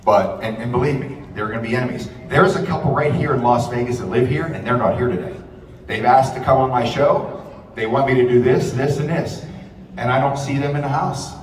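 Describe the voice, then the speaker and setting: In a large event hall, a man who is a rally speaker and radio host delivers an impassioned, repetitive, profane speech in a mid-range voice, a little fast. The distant recording echoes through the hall, with a loud crowd and hall noise behind him.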